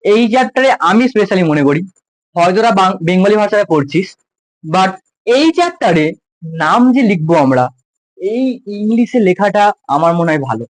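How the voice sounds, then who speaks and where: A man with a high voice and big pitch swings talks a little fast while giving school students a jokey, informal science lecture in a West Bengal Bengali accent. He addresses them as close juniors. The recording is low quality with no room sound.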